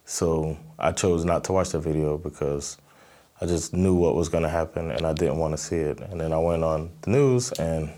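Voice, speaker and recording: Deep-voiced American man, halting and earnest. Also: mellow. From Miami, Florida, USA. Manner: thoughtful, halting, many fillers and restarts. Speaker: stand-up comedian, interview guest. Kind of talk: earnest interview answers.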